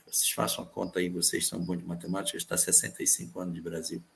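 A man answering viewer questions in a calm, measured explanatory talk, repeating key phrases for emphasis. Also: deep voice, vocal fry. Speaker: spiritist guest answering questions.

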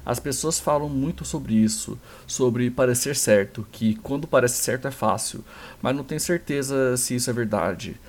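A man with a Brazilian accent reading a priest's wedding speech aloud, slow and solemn. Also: medium pitch, pitched below the performer's own voice, natural voice. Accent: Brazilian Portuguese. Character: earnest male priest giving a wedding speech.

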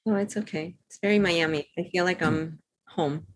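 A woman's voice: on the low side, steady tone, normal speed. A woman from Cuba, a guest on a casual video call, chatty and agreeable.

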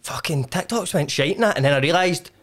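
Male podcast host, broad Scottish accent, slightly raised pitch, matey, sweary, casual interviewing. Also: expressive, brisk, a bit bright. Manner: matey, sweary, rambling questions.

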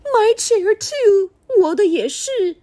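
A woman's voice: very high-pitched, expressive, slow, dark tone, pitched above the performer's own voice, exaggerated voice. A woman voicing a fussy, indignant mother bear in a storybook reading.

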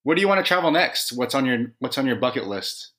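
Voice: medium pitch, expressive, fast, fairly bright tone. Upbeat interviewer asking questions. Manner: upbeat, encouraging. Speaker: interviewer host. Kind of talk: casual conversational interview.

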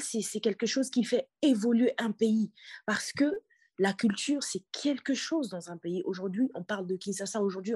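A woman's voice: on the high side, a little mellow, husky, no room sound, studio quality. A woman in her thirties from the Republic of the Congo, a singer speaking earnestly as a podcast guest, often repeating words. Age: 30s. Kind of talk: casual interview talk.

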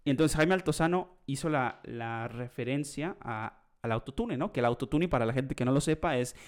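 A young man talks through a podcast episode in a loose, rambling way. His voice sits at an ordinary middle pitch, and he fills the gaps with plenty of fillers and side comments. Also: expressive, moderate pace. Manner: rambling, chatty, many fillers and asides. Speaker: podcast host. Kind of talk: casual podcast chat.

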